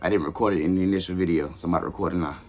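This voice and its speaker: A man's voice: sits low, fairly even intonation, rapid-fire, darkish tone, soft background music. Man on a phone recording, casual. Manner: slangy, loose, pep-talk delivery. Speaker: vlogger. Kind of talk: casual motivational vlog. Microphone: phone mic.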